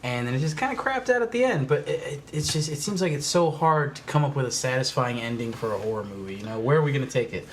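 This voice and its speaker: A man in his late twenties or early thirties co-hosts a casual podcast. He tells animated stories, curses freely and laughs along with his partner. His voice is middle-pitched with a faint hiss behind it. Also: quick pace, hardly any pauses. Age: late 20s to early 30s. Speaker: podcast co-host. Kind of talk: casual chat.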